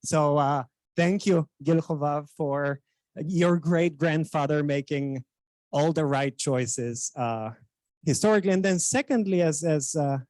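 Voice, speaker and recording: Man, fairly high voice, hesitant formal introducer, dry sound. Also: a little slow, darkish tone, no room sound. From Bulgaria. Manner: hesitant, with frequent fillers and restarts. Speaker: Hebrew instructor introducing a guest speaker.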